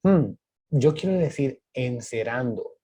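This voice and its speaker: Slow, husky male teacher. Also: medium pitch, lively intonation, dark tone. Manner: slow, patient, asks and answers his own questions. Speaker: English teacher. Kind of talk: explaining grammar rules step by step.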